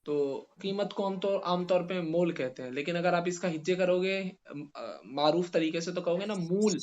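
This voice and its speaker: A male grammar teacher giving a classroom lesson, spelling out letters slowly and putting questions to his students. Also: sits high, a little mellow, muffled recording.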